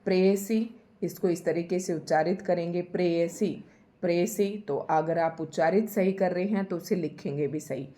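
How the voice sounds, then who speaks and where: A woman's voice: fairly low pitch, normal speed, dark tone. A woman teaching a Hindi spelling lesson for exam preparation. She explains patiently and says each word again and again to stress how it is spelled.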